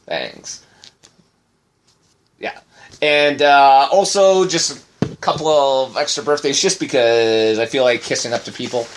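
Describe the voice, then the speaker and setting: A man co-hosting a laid-back podcast, his voice sitting at an ordinary middle pitch. He rambles, restarts and fills gaps with "uh" and "I mean" as he runs through the news. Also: a little slow, long pauses, slight background noise. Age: adult, married. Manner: rambling, many fillers and restarts. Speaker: podcast co-host. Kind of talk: casual podcast chat.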